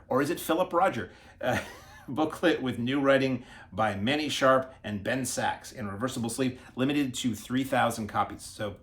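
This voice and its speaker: Chatty man unboxing discs on camera. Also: mid-range voice. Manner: chatty, self-deprecating, stumbles over foreign names. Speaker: video host reviewing disc releases. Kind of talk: casual unboxing commentary.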